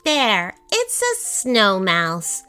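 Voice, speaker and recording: A woman voicing a playful, imaginative young girl in a children's storybook, gentle and giggly. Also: mid-range voice, huge pitch swings, very slow, smooth, faint music behind, exaggerated voice.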